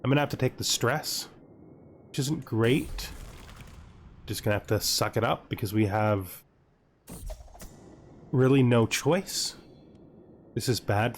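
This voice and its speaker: A man with a medium-pitched voice casually narrates his video game playthrough, thinking out loud and reading the on-screen text as he goes. Music plays under his voice, and there's slight background noise.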